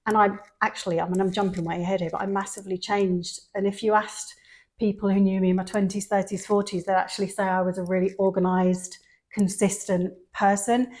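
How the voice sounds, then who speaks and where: A middle-aged woman from England, speaking fairly quickly in a mid-range voice, shares her story on a podcast she hosts. She has a mixed London and Sheffield accent and a chatty style full of lively quoted voices.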